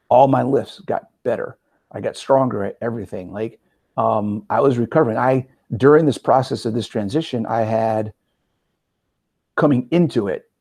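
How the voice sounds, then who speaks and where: Gravelly-voiced man in his forties. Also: mid-range voice. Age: 40s. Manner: energetic, conversational, frequent "right?" asides. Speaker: podcast host and metabolic coach. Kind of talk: casual interview chat.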